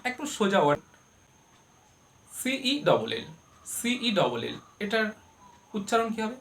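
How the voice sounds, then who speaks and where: A woman teaching English pronunciation to viewers, explaining each rule step by step and posing questions she answers herself. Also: mid-range voice. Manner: uses everyday family comparisons to explain.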